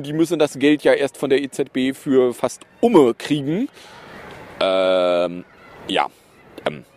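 A man's voice: medium pitch, darkish tone, a little hiss or hum. A man hosting a podcast, reading news items and adding sarcastic, mocking asides in a loose, hesitant way. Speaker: podcast host.

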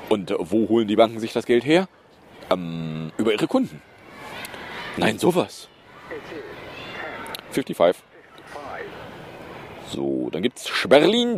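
A man's voice: medium pitch, darkish tone. A man hosting a podcast, reading news items and adding sarcastic, mocking asides in a loose, hesitant way. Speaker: podcast host.

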